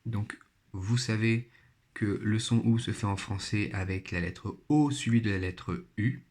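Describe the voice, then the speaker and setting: A man's voice: lowish voice, a little slow, darkish tone. A man teaching a primary phonics lesson, speaking patiently and spelling out each sound and syllable carefully. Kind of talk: recorded remote phonics lesson.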